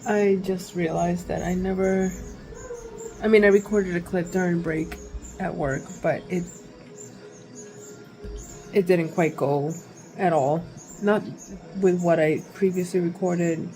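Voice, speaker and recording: A woman's voice: on the low side, fairly even intonation, warm tone, faint music behind, poor audio. A woman talking casually and candidly to her own vlog, often stopping, restarting and interrupting herself as she thinks aloud. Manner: halting, self-interrupting, candid. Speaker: vlogger recording herself. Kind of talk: casual confessional vlog talk.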